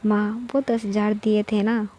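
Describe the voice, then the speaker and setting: A woman voicing a worried grown son who asks anxious questions, in a flat, mellow reading. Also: mid-range voice, measured pace, natural voice.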